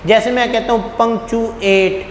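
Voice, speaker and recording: A man's voice: very high voice, fairly even intonation, moderate pace. A man teaching a class, explaining step by step, asking rhetorical questions and calling his students "beta". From Pakistan. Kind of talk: classroom lecture. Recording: echoey room with long reverb, faint noise.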